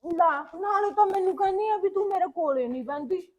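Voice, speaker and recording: A woman playing a childlike, odd sister-in-law with a very high voice. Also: lively intonation, fairly quick, lo-fi sound. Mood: childish. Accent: Punjabi. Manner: childlike, blunt, stubborn. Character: odd sister-in-law who tries to choke her husband's sister.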